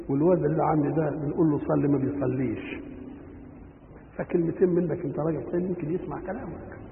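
A man's voice: high voice, gravelly, slight background noise. A man with an Egyptian accent giving a Quran commentary lesson, who keeps asking questions and answering them himself. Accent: Egyptian Arabic. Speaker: religious teacher. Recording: tinny lo-fi recording with long hall reverb.

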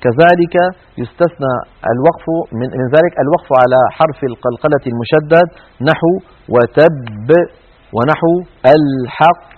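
Fast-talking man teaching recitation over tinny audio. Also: a little high. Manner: explanatory, demonstrates recitation with drawn-out sounds. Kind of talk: televised tajweed lesson.

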